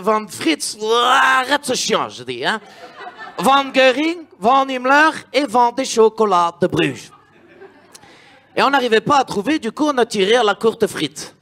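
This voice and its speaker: A man's voice: sits high, bright, forceful tone, heavily acted. A man voicing a pompous male dictator with a put-on Belgian accent in a stand-up bit.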